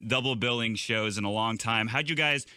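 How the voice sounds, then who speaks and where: A male radio host talks to a guest in an upbeat, chatty way. His voice is very bright and forceful, and the sound is dry and close. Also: medium pitch, normal speed, smooth, no room sound. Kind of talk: radio interview.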